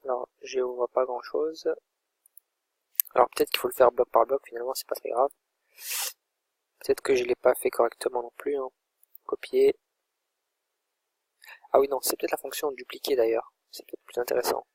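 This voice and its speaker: A man in an informal, think-aloud software tutorial, talking his viewers through each click as he goes. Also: mid-range voice, flat delivery, normal speed, pauses often, breathy edge, dry recording. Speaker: online course instructor. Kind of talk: screen-recorded software tutorial.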